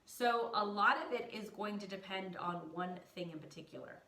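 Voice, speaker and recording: A woman's voice: mid-range voice, normal speed, bright, forceful tone, far from the mic. A woman who teaches design, talking to viewers in a chatty, emphatic way with self-mocking humor. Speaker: design educator. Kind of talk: casual teaching monologue. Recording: roomy echo, voice off-mic.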